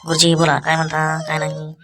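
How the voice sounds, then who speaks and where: A woman voicing an annoyed father in a cartoon who talks briskly with the teacher. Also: sits low, completely flat delivery, background noise. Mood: irritated. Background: background music.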